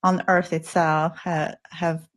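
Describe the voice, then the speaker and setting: Middle-aged woman guest from the Soviet Union, raised in Israel; earnest, flowing, reflective delivery, low-leaning pitch. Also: level tone, takes it slowly. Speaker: guest, spiritual teacher. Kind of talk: casual interview talk.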